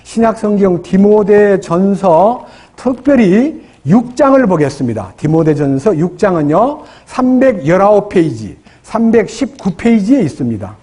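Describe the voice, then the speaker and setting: Husky high-voiced Korean preacher man. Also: sing-song, unhurried, mellow. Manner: preaching with questions to the congregation and acted prayers. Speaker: pastor. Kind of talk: sermon. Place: church.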